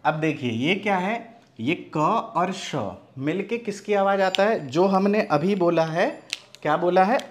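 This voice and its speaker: A man's voice: sits high, a little slow, a little hiss or hum. A man from Bihar, India, teaching an online grammar lesson. He explains step by step, asks rhetorical questions and says "okay" often. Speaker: Hindi teacher.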